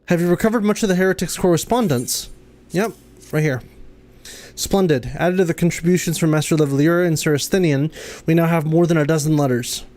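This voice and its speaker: A man's voice: fairly high pitch, a little fast, a little mellow. A man streaming a game, reading its dialogue aloud, tripping over fantasy names and laughing often.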